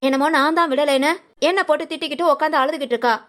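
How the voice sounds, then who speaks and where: A woman's voice: high-pitched, very fast, fairly bright tone. A woman voicing a scolding, doting village grandmother. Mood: chatty. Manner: scolding, coaxing, sing-song village talk. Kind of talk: animated family story voice acting.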